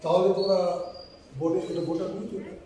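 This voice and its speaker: A man's voice: sits high, steady tone, rapid-fire, warm tone, a little hiss or hum. Echoey distant man tutoring English. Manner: patient, repeats and spells out letters. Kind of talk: online class explanation.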